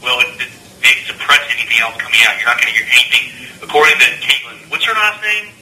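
A man's voice: mid-range voice, fast, sharp tone, slight background noise. A man talking on a jail payphone call, boastful and rambling in casual chat, heard as an echoey phone recording. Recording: echoey phone line played in a courtroom.

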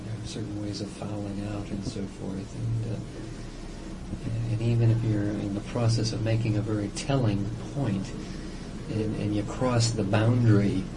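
A man with a fairly low voice speaks as a psychiatrist in an evaluation interview. He explains deliberately and at length, pausing and hesitating as he goes. The recording is a noisy old interrogation-style tape. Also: flat delivery. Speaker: psychiatrist doing a competency examination.

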